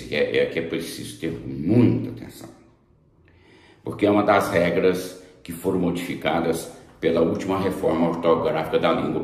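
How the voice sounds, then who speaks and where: Guy teaching grammar, really low voice, tons of echo. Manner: emphatic, repeats words, checks in with students. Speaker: Portuguese teacher. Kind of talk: classroom grammar lesson. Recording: very echoey room.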